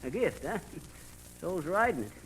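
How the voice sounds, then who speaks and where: An actor voices a cocky, bumbling middle-aged braggart in a 1940s radio comedy, chuckling through folksy slang. His voice sits high with big pitch swings at a normal speed, and the vintage radio recording is noisy.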